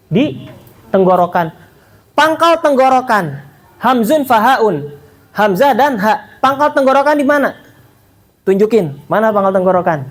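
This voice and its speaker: A man giving a casual tajwid lesson, quizzing his listeners and sounding out letters slowly. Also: high-pitched. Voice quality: animated, quizzing the audience, demonstrating sounds slowly. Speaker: Quran recitation teacher.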